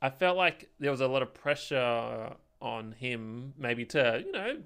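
A man's voice: medium pitch, very animated, measured pace, gravelly, fairly bright tone, smooth. A man co-hosting a podcast, chatting casually, full of fillers and often ending with "right?". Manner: chatty, filler-heavy, ends lines with "right?". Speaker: podcast co-host. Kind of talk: casual chat.

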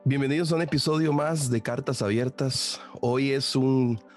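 A man with a Costa Rican accent hosting a podcast interview, asking his guest questions with many pauses, fillers and restarts. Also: mid-range voice, steady tone, faint music behind. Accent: Costa Rican Spanish. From Costa Rica. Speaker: podcast host. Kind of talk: casual interview.

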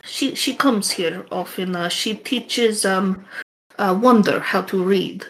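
A woman's voice: medium pitch, slow. A woman doing a polite fox-folk villager with a Russian accent. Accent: put-on Russian accent. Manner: polite, hesitant, full of fillers.

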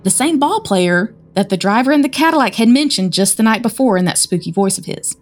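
Speaking briskly with a fairly high pitch and lively intonation, this Southern American woman co-hosts a podcast. She retells a spooky story in a chatty, casual way.

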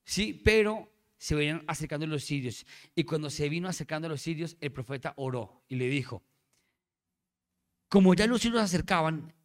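A male pastor preaching a sermon in a lively, playful way, often asking the congregation questions. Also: a little high.

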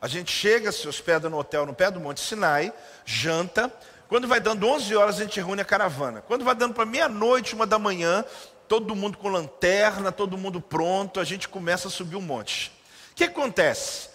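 A man preaching a sermon as pastor, telling a story with animated delivery and acting out the voices of its characters. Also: sits high, normal speed, long reverb tail.

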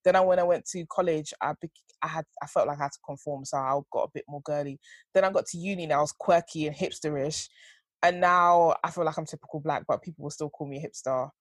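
Low husky young woman. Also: fast talker, no echo. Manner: slangy, emphatic, checks listener follows. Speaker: podcast co-host. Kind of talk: casual conversational podcast chat.

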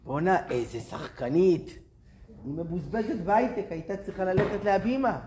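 A man's voice: high voice, animated, a little mellow. A man voicing an eager young woman job seeker. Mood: wry. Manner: quoted inner thoughts, conversational. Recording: roomy with faint noise.

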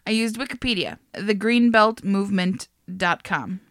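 Bright-voiced woman telling a story. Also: medium pitch, animated, moderate pace, no room sound, studio quality. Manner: laughs often, swears, chatty. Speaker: podcast co-host. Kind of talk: casual chat, telling a biography.

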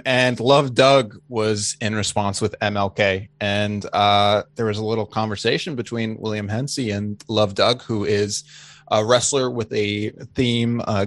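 A man co-hosting a podcast in casual chat, rambling through wrestling news with excitable energy. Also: fairly low pitch, no echo. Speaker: podcast co-host.

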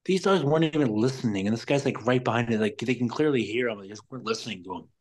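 A man's voice: medium pitch, very fast, a little mellow. A man telling a long story in casual chat, rambling and swearing, exasperated with careless people. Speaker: podcast guest.

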